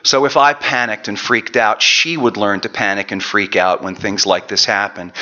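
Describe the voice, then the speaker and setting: Bright-voiced male preacher telling a story. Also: mid-range voice, dull audio. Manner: storytelling, self-deprecating, chatty asides. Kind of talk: sermon with personal story. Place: church.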